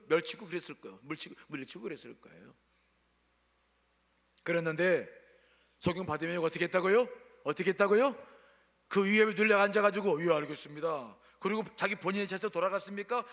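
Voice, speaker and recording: A man's voice: high-pitched, fairly bright tone, big-room sound. A male pastor preaching a sermon at a church service, speaking emphatically and calling on the congregation to answer aloud.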